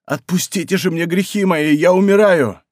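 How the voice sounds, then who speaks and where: A man voicing a frightened, dying executioner who speaks in hushed, halting words and then cries out for mercy. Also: medium pitch, no echo, studio quality. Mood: pleading.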